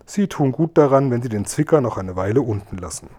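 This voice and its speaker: A gruff storybook robber, crafty and blunt, grumbling low and curt, as a man puts him on. The voice sits dark and mellow at an ordinary pitch. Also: lively intonation, fairly quick, lightly acted.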